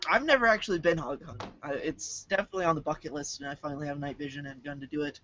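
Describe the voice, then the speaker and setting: A man's voice: fairly high pitch, very fast, a bit bright. A man co-hosting a casual podcast chat, joking and laughing often. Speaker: podcast co-host. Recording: dull lo-fi podcast audio with hiss.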